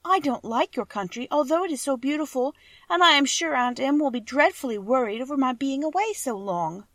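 A woman's voice: animated, brisk, fairly bright tone, dry recording, full character voice. Woman voicing a meek pleading little girl. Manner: high, pleading and earnest. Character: small meek young girl, earnest and pleading.

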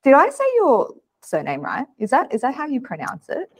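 A woman's voice: high voice, huge pitch swings, moderate pace, breathy edge. A woman hosting a podcast in a chatty, enthusiastic way. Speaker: podcast host. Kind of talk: casual interview.

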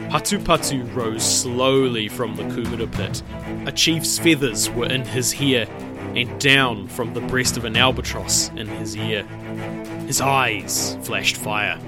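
A man telling an old legend in measured, expressive storybook narration. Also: medium pitch, music in the background.

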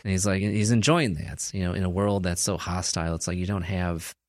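A man with a very low voice chats casually on a podcast, cracking jokes and laughing between points. The recording is dry and close, with no room sound. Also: fairly quick, no room sound. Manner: joking, laughs often. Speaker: podcast co-host. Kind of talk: casual chat.

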